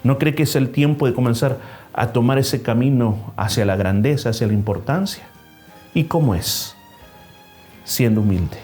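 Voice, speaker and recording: A man's voice: medium pitch, darkish tone. A man preaching a sermon in as a pastor at a church service, stressing numbered points with rising emphasis. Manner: acts out a story with changing voices.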